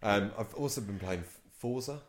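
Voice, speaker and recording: Blunt swearing man, low voice. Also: expressive, normal speed. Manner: blunt, dismissive, swears a lot. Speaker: podcast co-host. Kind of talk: casual chat.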